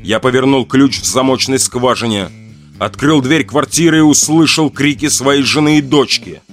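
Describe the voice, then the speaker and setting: A man's voice: mid-range voice, normal speed, fairly bright tone, soft background music. A man reading a first-person horror audiobook in a somber, tense storytelling manner. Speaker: audiobook narrator.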